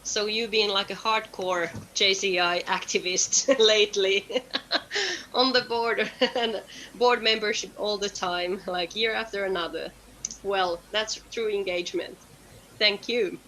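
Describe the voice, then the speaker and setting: Woman host of a video call, unhurried, friendly, with faint background noise. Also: mid-range voice, fairly even intonation, sharp tone, low-quality recording. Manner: friendly, laughs often, coaxing. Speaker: session facilitator. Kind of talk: online meeting chat.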